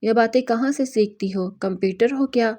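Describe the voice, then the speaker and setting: A woman voicing a gentle, easygoing young husband in a story, speaking softly and a bit lower than her narration. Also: close to an everyday voice.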